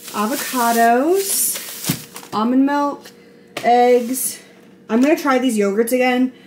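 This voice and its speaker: A woman in her twenties with an American accent vlogs at home on a handheld camera, chatting casually to viewers as she moves through the kitchen and living room. Her voice is mid-range and a little mellow, with clear household noise in the background.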